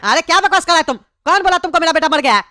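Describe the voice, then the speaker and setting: Cartoon comedy: fast, scolding father, woman voicing, high and bright. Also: lively intonation, dry recording, studio quality, exaggerated voice. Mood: irritated. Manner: irritated, scolding. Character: exasperated father of two boys.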